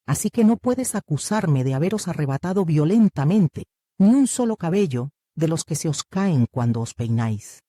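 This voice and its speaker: An audiobook narrator gives voice to a grave male spiritual teacher who speaks calmly and firmly. The voice is dark and slightly husky, with lively rises and falls. The sound is close and dry. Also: medium pitch, no room sound. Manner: calm, firm, measured. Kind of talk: audiobook reading.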